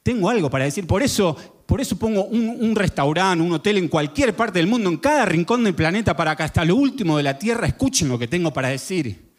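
A man's voice: high-pitched, lively intonation, brisk. A man with an Argentine accent telling a boastful comedic story that turns into a gospel message. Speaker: comedic preacher.

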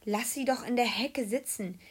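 A woman's voice: a little high, normal speed, breathy edge. A woman voicing an impatient, dismissive schoolyard bully in a children's audiobook.

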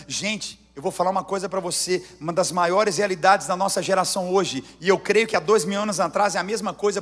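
A Brazilian man preaching a sermon as pastor, emphatic, swinging from hushed lines to near shouts. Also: sits high. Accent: Brazilian Portuguese. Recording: long hall reverb.

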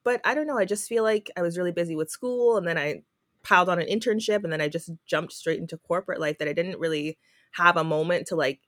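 Young woman co-host, lowish voice, relaxed and supportive, dry mic. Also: fast, no room sound. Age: young adult. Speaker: podcast co-host. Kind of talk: casual chat.

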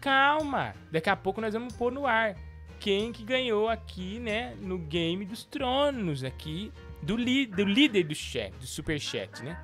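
Teasing male live-stream host, animated intonation, background music. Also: sits high, a little slow. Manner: playful, teasing, mock-outraged. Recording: music playing behind.

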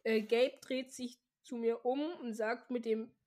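A woman's voice: fairly high pitch, flat delivery, a little slow, warm tone. German woman stumbling through a read-aloud. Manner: stumbling over words, restarts, chatty asides. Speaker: reader of a book aloud. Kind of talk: casual read-aloud with asides.

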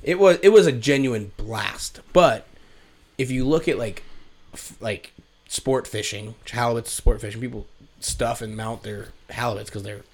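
A man's voice: mid-range voice, normal speed, a little hiss or hum. A man hosting a casual chat who rambles, fills his talk with "like", and swears freely. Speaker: podcast host.

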